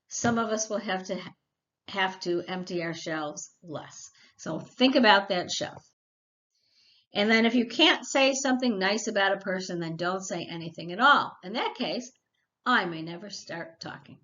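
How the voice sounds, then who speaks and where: A woman's voice: medium pitch, moderate pace, fairly bright tone, dull audio. A middle-aged woman giving a recorded college lecture in a chatty, practical way, with personal stories and asides. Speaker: college instructor.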